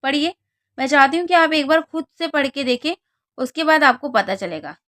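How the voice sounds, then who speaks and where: A woman's voice: high-pitched, animated, a little fast, fairly bright tone, no echo, clean studio sound. A woman teaching English reading and pronunciation, who asks her students questions and then answers them herself. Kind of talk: spoken English lesson.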